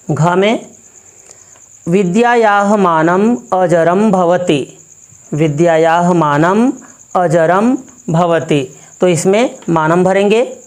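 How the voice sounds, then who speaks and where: A woman's voice: on the low side, darkish tone. A woman teaching Sanskrit exercises, repeating each answer twice and asking the class what it becomes. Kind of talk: slow classroom explanation.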